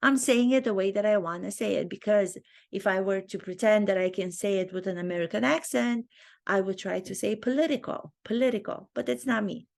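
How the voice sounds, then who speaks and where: Earnest and reflective, a Romanian-accented acting teacher thinks aloud in a talking-head commentary video she made herself. Her mid-range voice is gravelly and runs a little fast.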